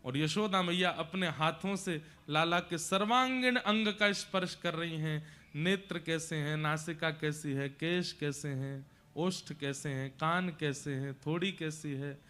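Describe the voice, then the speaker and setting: Male devotional storyteller, high and bright, dramatic and emotive. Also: measured pace. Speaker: religious storyteller. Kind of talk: devotional scripture narration.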